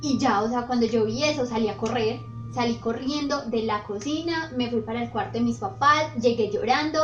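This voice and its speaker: A young woman tells her own eerie experiences in a lively, breathless storytime. Her voice is fairly high. The sound is roomy and a little dull, with faint music underneath. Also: normal speed. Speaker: vlogger. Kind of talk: storytime narration. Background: faint background music.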